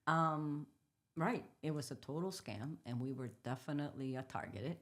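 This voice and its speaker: Dominican-born woman in her 50s, really deep voice, chatting candidly as the guest. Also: moderate pace. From Dominican Republic. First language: Spanish. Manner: candid storytelling, animated retellings. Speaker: guest entrepreneur. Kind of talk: casual interview conversation.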